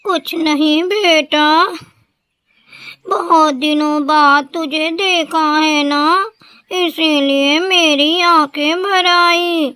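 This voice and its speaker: A woman's voice: very high voice, fairly even intonation, very slow, bright, forceful tone, no echo, voice pushed up, exaggerated voice. Woman doing a frail weepy old crow lady. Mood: tearful. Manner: quavering, pleading. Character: frail old female crow, sick and tearful.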